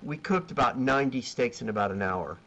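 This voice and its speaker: A man's voice: medium pitch, lively intonation, a little fast, over a noisy crowd. A man on a video call, telling rambling catering and grilling stories in casual chat, laughing at himself. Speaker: BBQ caterer, guest. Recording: dull lo-fi sound with faint noise.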